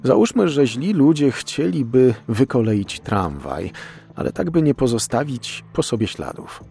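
A man's voice: mid-range voice, very animated, unhurried, gravelly, dark tone, faint music behind, voice pushed up. A man voicing a jovial middle-aged male forensic expert who lectures and teases his junior in an audiobook. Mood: lecturing. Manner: teasing, lecturing like a professor.

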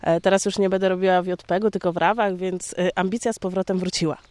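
Cheerful woman photographer, flat tone. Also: on the low side, fast talker, no echo. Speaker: hobby photographer.

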